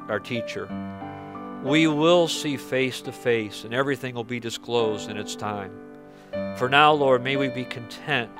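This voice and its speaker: Earnest pastor at a pulpit microphone. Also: male voice, medium pitch. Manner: earnest, pleading, repeats words as he prays. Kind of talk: sermon and closing prayer. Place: church sanctuary.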